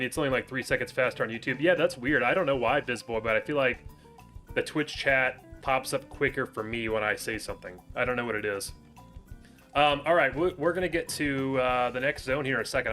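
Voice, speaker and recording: A man's voice: mid-range voice, quick pace, faint music behind. A man streaming a game live, chatting casually with his viewers through a headset mic. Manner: relaxed, talks to viewers by name. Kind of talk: casual livestream gameplay chat.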